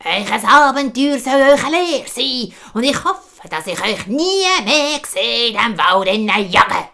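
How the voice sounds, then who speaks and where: A woman storyteller with a Swiss German accent voicing an old forest hag, shrill, loud and mocking. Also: very animated, moderate pace, gravelly, exaggerated voice. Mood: shrill, scolding. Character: old forest hag shouting from oak tree.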